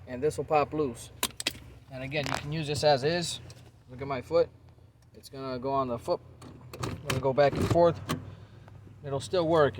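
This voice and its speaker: Relaxed man talking through a car repair. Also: medium pitch, noisy background. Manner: relaxed, rambling, thinks aloud with fillers. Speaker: car repair video maker. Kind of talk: casual how-to narration. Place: inside a car.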